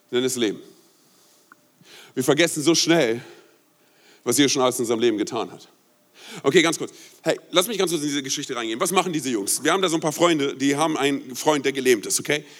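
A young adult male pastor preaching a passionate sermon, emphatic, often asking the listeners rhetorical questions and mixing in English words. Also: a little high. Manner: mixes English words into speech.

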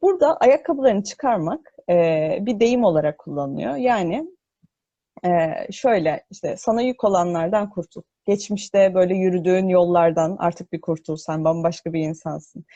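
A woman explaining scripture in an unscripted religious talk, hesitant and pausing to think as she explains, with her voice echoing. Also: lowish voice, mellow. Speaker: host of a religious discussion broadcast. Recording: echoing voice, muffled online audio.

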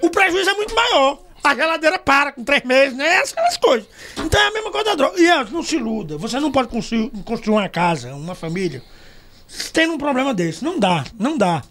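A middle-aged man, a journalist guest, telling stories loudly and with laughter in a casual podcast chat. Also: very high-pitched, fast talker. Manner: loud, animated, laughing storyteller.

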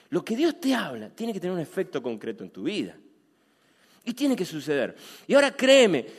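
Man, Rioplatense accent, pastor, animated sermon, big pitch swings, long church reverb. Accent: Rioplatense Spanish. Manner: animated, acts out quoted dialogue, repeats phrases.

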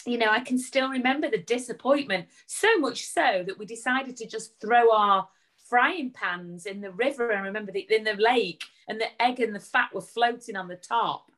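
A woman's voice: a little high, normal speed, fairly bright tone. A woman chatting casually as co-host, rambling into anecdotes. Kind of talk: casual chat.

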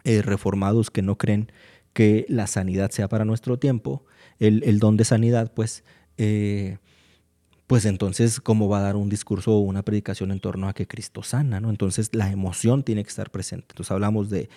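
A man from Mexico, speaking as a guest in a casual discussion about faith, in a measured, explanatory way with frequent pauses. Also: fairly low pitch, fairly even intonation, dark tone.

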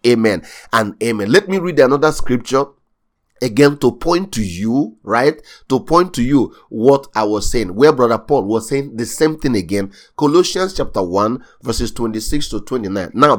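A man preaching a sermon as pastor, emphatic and repetitive, with rising bursts of intensity. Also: mid-range voice.

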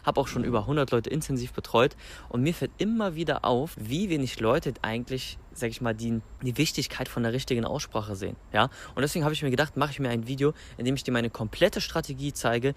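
A man from Germany working as a language coach, giving informal, emphatic instructions in a colloquial, motivational way. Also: mid-range voice. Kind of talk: informal instructional talk to camera.

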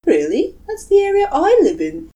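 A woman's voice: very high-pitched, huge pitch swings, moderate pace, dark tone, pitched above the performer's own voice, exaggerated voice. A woman voicing a dramatic, gallant young man who talks in flowery, grandiose phrases. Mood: cheerful.

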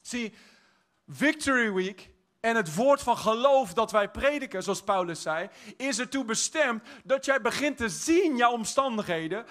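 A man preaching a sermon, exuberant, swinging from shouted praise to quiet, chatty storytelling. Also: very high-pitched, animated, a little slow. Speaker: pastor.

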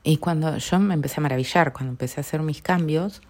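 A middle-aged woman with a Rioplatense accent and a notably low voice. She speaks in a reflective, heartfelt way, often trailing off into a hushed near whisper. Her talk is personal and unhurried, like a podcast host sharing her own story. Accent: Rioplatense Spanish. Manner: soft, earnest, often dropping to a near whisper.

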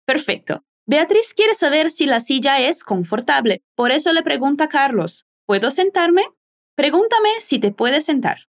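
A woman hosts a language lesson and drills phrases for listeners to repeat. She models each phrase slowly and carefully. Her voice is high, and her intonation is lively and animated. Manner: slow, careful modeling of pronunciation. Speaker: language teacher and host.

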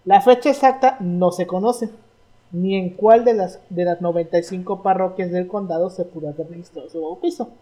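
A woman's voice: on the low side, normal speed, mellow. A young woman with a Mexican accent, co-hosting a casual history chat, slangy and storytelling as she goes through her notes. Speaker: podcast co-host.

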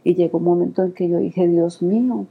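A woman's voice: lowish voice, fairly even intonation, fairly quick, vocal fry, husky, narrow, tinny audio. An older woman giving an earnest, emotional testimony of faith in an interview.

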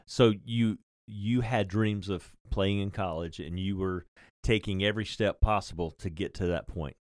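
A man hosting a podcast interview, relaxed and hesitant, with many fillers and restarts. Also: low voice, moderate pace, no room sound, clean studio sound. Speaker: podcast host. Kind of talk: conversational interview.

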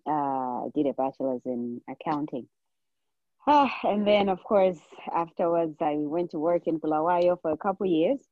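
A woman in her forties with a Zimbabwean accent chats casually as a podcast guest; she works as a nurse practitioner. Her low voice moves at a moderate pace on a dry, slightly muffled recording.

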